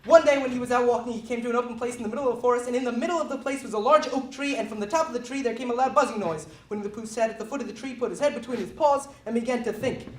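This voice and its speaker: A reader performing a children's book aloud for a small audience, quick and giggly, laughing between lines. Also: medium pitch. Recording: echoey room, voice from far off.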